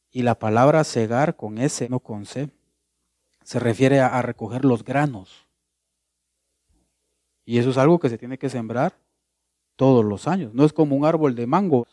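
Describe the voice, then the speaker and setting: A pastor preaches a sermon in a mid-range, slightly mellow voice, posing questions and answering them himself while repeating words and phrases for emphasis. The recording is studio quality, with no room sound.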